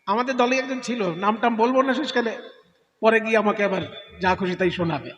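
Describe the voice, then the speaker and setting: Guy doing a kirtan story talk, really high voice, echoey hall, music under it. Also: fairly quick, a bit bright, highs cut off. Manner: explains words playfully, asks the audience questions. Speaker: kirtan performer.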